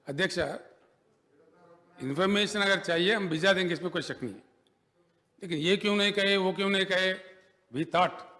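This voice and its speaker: A man replying as a government minister in an assembly debate, switching between Hindi and English and repeatedly asking to be heard. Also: high voice. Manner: defensive, keeps pleading to be heard. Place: legislative assembly chamber. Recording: long reverb of an assembly hall.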